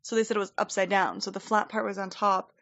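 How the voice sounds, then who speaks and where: A fast-talking podcast co-host with a mid-range, fairly bright voice and flat delivery tells a chatty, rambling story, laughing often in casual conversation. The desk-mic recording has no room sound but comes across muffled.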